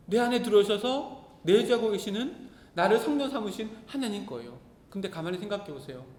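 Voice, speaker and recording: A man in his thirties preaching, telling a personal story in an earnest way. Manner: earnest, storytelling, acts out his own quoted words. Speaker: pastor. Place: church hall. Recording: echoey hall, faint rumble.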